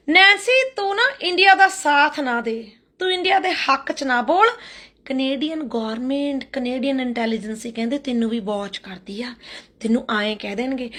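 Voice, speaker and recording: Woman vlogger, high and bright, fiery defiant delivery to camera. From Haryana, India. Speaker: social media creator. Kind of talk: vlog rant to camera. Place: Canada.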